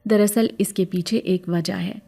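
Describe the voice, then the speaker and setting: A woman playing a calm, secretive veiled woman. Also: mid-range voice, gravelly, slightly rough, faint music behind. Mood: soothing. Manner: soothing, reassuring.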